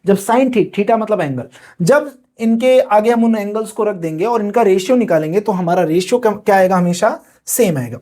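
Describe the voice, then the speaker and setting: A male teacher giving a classroom lecture, dictating key phrases slowly word by word and answering his own questions. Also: high voice, animated, mellow.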